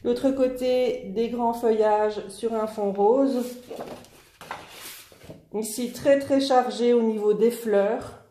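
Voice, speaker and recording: A woman's voice: on the high side, steady tone, slow, warm tone, a little hiss or hum. A woman who runs a shop, casually presenting new products in a chatty way, with many fillers and repeats. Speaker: online scrapbooking shop owner. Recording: echoey room.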